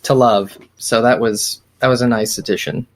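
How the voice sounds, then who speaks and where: A woman's voice: very deep voice, steady tone, moderate pace, slight background noise. A woman guest-hosting a podcast in casual chat, laughing often and acting out quotes. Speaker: guest host.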